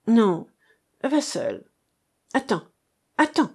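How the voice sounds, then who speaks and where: A woman's voice: on the high side, lively intonation, unhurried, darkish tone, voice pushed up. Woman doing an impatient nervous father. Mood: urgent.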